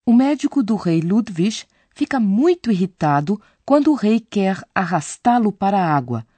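A woman's voice: medium pitch, sing-song, moderate pace, dark tone, no room sound. A woman co-presenting a scripted radio lesson, posing listeners' questions to the teacher in a conversational way. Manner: inquisitive, conversational.

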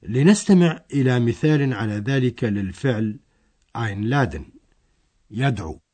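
A man's voice: mid-range voice, animated, measured pace, warm tone. A man narrating a scripted language lesson, explaining a dialogue step by step.

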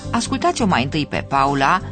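A radio lesson host reading scripted narration clearly, explaining and addressing listeners directly. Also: mid-range voice, very animated, music in the background.

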